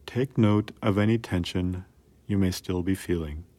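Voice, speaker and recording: A man calmly narrating a scripted guided relaxation in a soothing, measured way with long pauses. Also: sits low.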